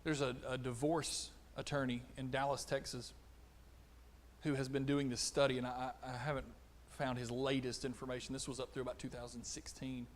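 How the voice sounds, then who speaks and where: A middle-aged man preaching a conversational sermon, animated, acting out little exchanges. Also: medium pitch, moderate pace, a little hiss or hum. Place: church auditorium.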